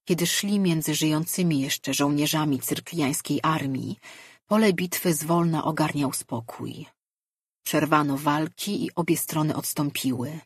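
A woman narrating a fantasy audiobook in a measured, even storytelling manner. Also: low voice, husky, dry recording, studio quality.

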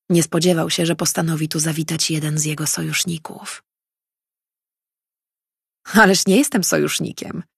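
A woman reading a fantasy audiobook in steady scripted narration. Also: fairly low pitch, creaky, breathy edge, no echo, clean studio sound.

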